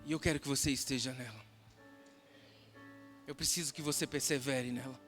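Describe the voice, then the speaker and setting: In a reverberant church hall with music playing behind him, a Brazilian pastor tells stories in a fervent sermon, frequently calling listeners brother and dear. He has a Brazilian Portuguese accent and a mid-range, fairly bright voice, speaking a little fast with fairly even intonation.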